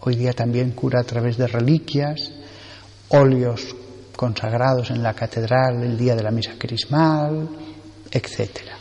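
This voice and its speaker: A Spanish priest delivers a sermon at a slow, deliberate pace. He leans on repeated phrases to press his points home. His voice carries a long reverb, as if he were speaking in a church. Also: mid-range voice, fairly even intonation, darkish tone. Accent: Spanish from Spain. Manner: slow, earnest preaching with emphatic repetition.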